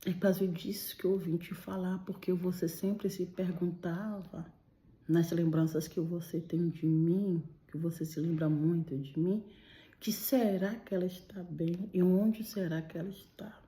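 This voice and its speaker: A woman voicing the gentle, loving spirit of a dead woman, speaking slowly in a soft whisper. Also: fairly low pitch. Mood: tender whisper. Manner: soft whispered, slow and tender. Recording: roomy echo.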